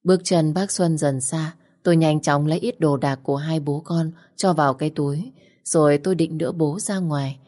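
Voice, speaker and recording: A woman's voice: deep voice, fairly even intonation, moderate pace, mellow. A woman narrating a first-person story in an earnest, mournful way.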